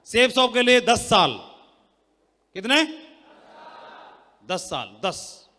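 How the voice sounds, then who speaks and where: A man giving a motivational sales talk on a handheld mic to a live audience, loud and teasing, quizzing the crowd. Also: extremely high pitch, expressive, extremely slow, in a large hall. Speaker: seminar speaker. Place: large hall with an audience.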